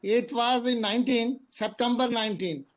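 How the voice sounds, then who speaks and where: A man's voice: extremely high pitch, moderate pace. Pakistani-accented man, 60s, courteous retired officer, video call. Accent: Pakistani English. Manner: formal and courteous. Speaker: retired prison officer guest. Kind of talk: polite conversation.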